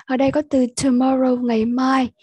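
A young woman with a Vietnamese accent walks pupils through an English test at an unhurried pace. Her voice sits high but sounds soft and mellow. It is very husky and breathy, and the recording is close and dry. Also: level tone, dry recording. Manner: slow, patient, repeats sounds for pupils. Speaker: English teacher. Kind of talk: online lesson walkthrough.

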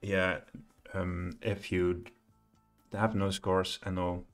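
Low-voiced man thinking aloud while coding. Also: completely flat delivery, slow, soft background music. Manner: thinking aloud, hesitant with many fillers. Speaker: programming tutor. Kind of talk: live coding walkthrough.

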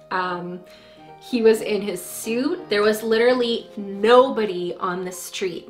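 A woman's voice: medium pitch, fairly bright tone. A young woman vlogger telling a personal story to camera in a chatty way, full of "like" fillers. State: emotional, near tears.

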